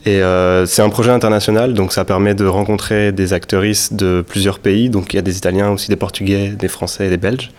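A man's voice: lowish voice, fairly quick, few pauses. A man born in northern France, an actor, answering casually and informally in an interview. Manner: relaxed, informal.

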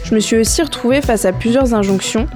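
A community radio host speaks in a calm, measured way about her own experience before turning to interview a guest in the studio. Her voice sits on the high side, and music plays underneath.

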